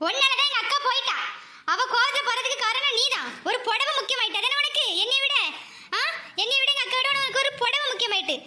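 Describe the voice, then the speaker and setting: A woman's voice: very high voice, fast, background noise. A woman voicing a young husband in a cartoon story, who coaxes and then gives harsh orders. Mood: pushy. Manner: coaxing pleas turning to harsh orders.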